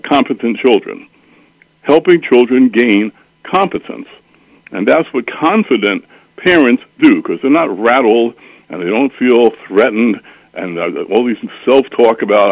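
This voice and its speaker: A man's voice: medium pitch, no room sound, poor audio. A man who works as a parenting author and counselor, explaining his ideas in an interview in a thoughtful way and using Hebrew and Yiddish terms.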